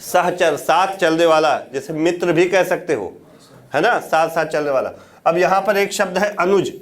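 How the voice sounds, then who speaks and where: A man with a fairly high voice lectures a classroom of students. He throws out questions, supplies the answers himself and says each key word again so it sticks. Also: normal speed. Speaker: Hindi exam teacher.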